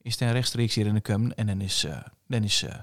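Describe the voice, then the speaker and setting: A man's voice: on the low side, fairly even intonation, fast talker. Man with a broad eastern Dutch accent. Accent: eastern Dutch regional (Low Saxon). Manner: broad dialect speech. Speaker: interviewer. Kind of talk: casual conversation in dialect.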